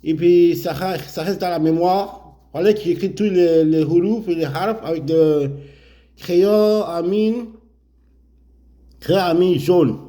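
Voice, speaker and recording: A man's voice: high-pitched, takes it slowly, dark tone. A man teaching Arabic letters step by step, explaining while he writes and repeating each sound many times. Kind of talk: slow step-by-step lesson.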